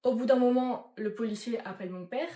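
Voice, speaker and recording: A woman's voice: fairly high pitch, a little fast. Chatty young woman vlogger, echoey room. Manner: lively and chatty. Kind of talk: casual storytelling to camera.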